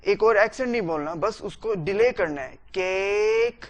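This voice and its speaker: A man's voice: high voice, expressive. A man with a Pakistani accent teaching a recorded spoken-English lecture, stretching out words to show the stress. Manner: drawn-out, exaggerated word demonstrations.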